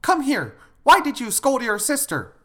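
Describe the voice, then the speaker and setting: A man's voice: high-pitched, very animated, a little slow, pitched above the performer's own voice. A man voicing a mother who questions her child in a firm, patient way. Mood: scolding. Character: stern but patient mother.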